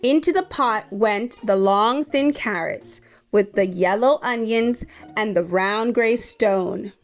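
A woman reading a children's story aloud in an expressive, measured storytelling way. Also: medium pitch, soft background music. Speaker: storybook reader.

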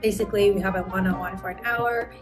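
A woman in her twenties from Taiwan, talking casually through her work day in a vlog, with a relaxed manner and frequent "like". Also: medium pitch, fast. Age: 20s. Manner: relaxed, uses "like" often. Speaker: business analyst vlogger. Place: apartment home office, indoors. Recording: background music under voice.

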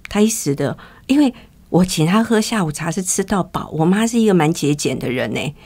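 A woman's voice: lowish voice, expressive, a little fast, darkish tone. A middle-aged woman, a counselor speaking candidly as an interview guest and telling stories in plain conversational talk. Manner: candid, storytelling, acts out quoted dialogue.

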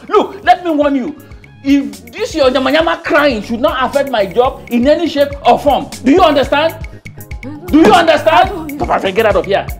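A man's voice: very high-pitched, lively intonation, normal speed, soft background music. A man with a Nigerian accent playing a stern boss who scolds a worker in a comedy skit.

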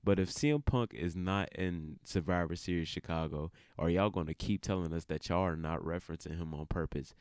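A man giving casual, opinionated commentary as a video creator, colloquial and full of halting asides. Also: deep voice, darkish tone, smooth, dry recording, clean studio sound.

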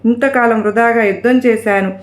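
Brief: woman reading a dignified male deity, measured and reasoning, higher voice, room echo. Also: fairly even intonation, natural voice. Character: calm, dignified male god Vishnu.

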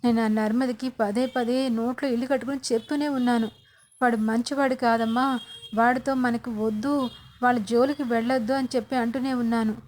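A woman's voice: fairly high pitch, steady tone, fairly quick, a little mellow, slight background noise, lightly acted. A woman voicing a distraught, worried older mother-in-law in a retold serial. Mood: lamenting. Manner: lamenting.

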